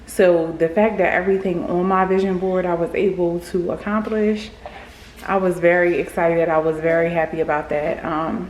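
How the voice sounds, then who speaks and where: A woman with a slightly low voice talks to her viewers in a loose, rambling vlog style. Wearing retainers gives her words a slight lisp. Background room noise is clearly audible on the recording. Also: a little mellow, poor audio. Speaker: vlogger. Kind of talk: casual rambling chat to viewers.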